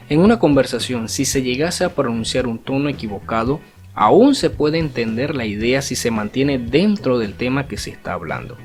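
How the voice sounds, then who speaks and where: A man teaching an online language lesson in an explanatory way, often checking in with rhetorical tag questions. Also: mid-range voice. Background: faint guitar music.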